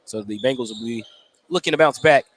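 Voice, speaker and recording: Broadcasting play-by-play from an indoor high school gym, a male radio announcer narrates every basketball play in running detail. He speaks a little fast in a mid-range voice over the noise of the live broadcast.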